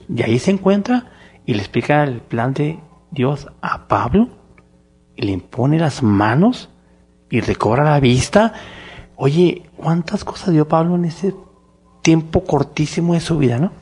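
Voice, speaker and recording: A man with a Mexican Spanish accent, co-hosting a relaxed faith podcast. His voice sits a bit high and sounds husky. He swings his pitch widely as he tells stories with gusto, acting out each exchange. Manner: animated storytelling, acts out dialogue. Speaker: podcast co-host. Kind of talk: casual religious discussion.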